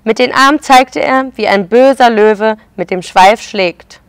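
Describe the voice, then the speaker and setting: A woman's voice: on the high side, a little slow, clean tone, dry recording, studio quality. Woman reading a picture book aloud. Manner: warm, explains the pictures to children. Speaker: preschool educator.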